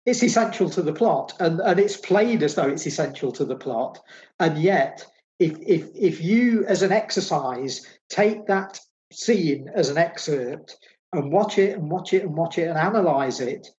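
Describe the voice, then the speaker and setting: A man's voice: on the high side, lively intonation, measured pace, a little mellow, muffled recording. A man co-hosting a casual film discussion, talking enthusiastically and repeating phrases for emphasis. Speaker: film podcast co-host.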